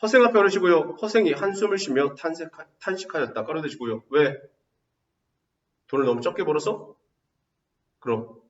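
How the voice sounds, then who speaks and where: A man teaching a high school Korean literature class, quizzing students with quick rhetorical questions. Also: lively intonation. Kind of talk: lecture. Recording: roomy, dull, distant mic.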